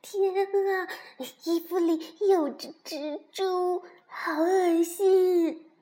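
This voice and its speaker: Woman doing shrill panicky boy rabbit. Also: lively intonation, drawn-out words, heavily acted. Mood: panicked. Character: jumpy timid young male rabbit.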